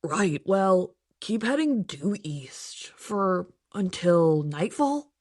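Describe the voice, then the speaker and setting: A woman playing a slow, cagey informant. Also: on the low side, big pitch swings, darkish tone, no echo, studio quality, full character voice. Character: cagey informant giving secret directions.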